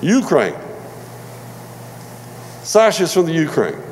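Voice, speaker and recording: Guy in his 40s preaching casual, talks kinda high, lots of "all right?", long echo in the church. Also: huge pitch swings, slow. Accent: non-Michigan American. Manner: conversational, repeats words, asks "all right?". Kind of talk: sermon. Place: church hall.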